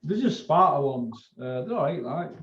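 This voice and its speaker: Hosting a boxing video channel, this Northern English man chats casually in a slightly high, expressive and somewhat bright voice at a moderate pace. He rambles, swears, speaks colloquially and keeps repeating himself, looping back on his points, in a roomy, dull lo-fi recording.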